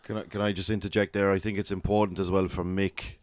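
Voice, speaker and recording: A man's voice: low voice, level tone, fast talker. A man co-hosting a casual motorsport podcast, thinking aloud and often repeating his words. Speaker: podcast co-host.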